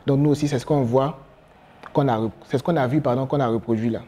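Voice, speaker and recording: A young man with an Ivorian French accent, a gospel rapper answering interview questions in a relaxed way, often pausing with fillers. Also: mid-range voice. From Côte d'Ivoire. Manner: relaxed, gestures a lot while talking, frequent fillers. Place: studio with branded backdrop, seated.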